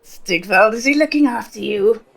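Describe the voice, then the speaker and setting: A woman's voice: on the high side, normal speed, creaky. A woman chatting casually as a player in a tabletop game. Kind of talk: casual chat.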